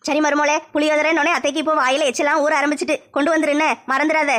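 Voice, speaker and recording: A woman as a scheming old mother-in-law in a comedy sketch, her voice pitched very high and her words tumbling out fast. She grumbles, coaxes and scolds by turns. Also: flat delivery, fairly bright tone. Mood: sweet, coaxing. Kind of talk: comedy skit acting.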